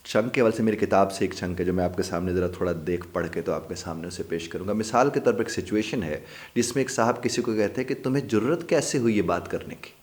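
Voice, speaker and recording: A man teaching a spoken-English lesson, repeating each phrase and translating it in an unhurried, explanatory way. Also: deep voice.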